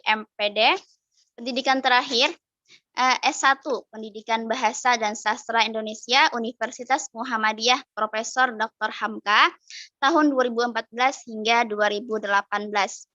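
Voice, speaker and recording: A woman's voice: a little high, sharp tone, no echo. A woman moderator formally introducing a speaker and reading her bio on a video call. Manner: formal, reads from script. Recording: dry, thin lo-fi video call audio.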